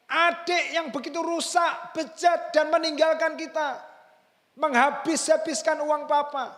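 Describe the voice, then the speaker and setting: A man acting out a resentful elder son who yells indignant complaints at his father. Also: very high voice, fairly even intonation, unhurried, big-room sound, voice pushed up. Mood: furious.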